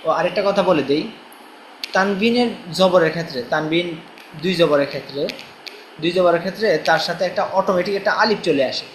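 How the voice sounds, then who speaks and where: Guy teacher repeating letter drills in a singsong, slightly high voice, echoey room. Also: a little fast, a little hiss or hum. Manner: patient, repeats each drill line in a chant. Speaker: Quran reading teacher. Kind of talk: recorded lesson, recitation drills. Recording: echoey room, faint ambience.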